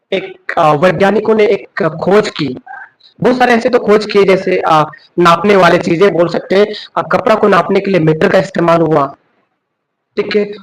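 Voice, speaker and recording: A man's voice: sits high, rough recording. A man teaching, telling a moral story in an earnest way with rhetorical questions. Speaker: English teacher giving a moral talk.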